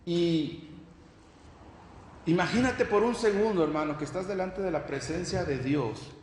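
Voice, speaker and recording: A man's voice: high voice, unhurried, darkish tone. A man preaching a sermon as pastor, emphatic and calling out "hermano" to his listeners. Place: church hall. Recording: echoey church hall, faint noise.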